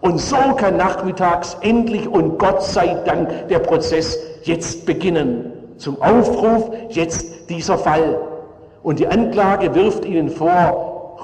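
A fairly high-voiced man delivers a sermon as lively storytelling and acts out the characters' lines. His voice rings through a large church hall with a long, echoing reverb. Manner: vivid dramatic storytelling, acting out voices. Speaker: preacher.

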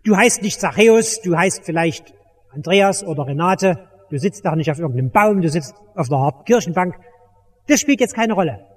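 A man's voice: high voice, animated, a little fast. A man preaching an evangelistic sermon at a church service, urgent and commanding, with emphatic repetition. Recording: echoey church hall.

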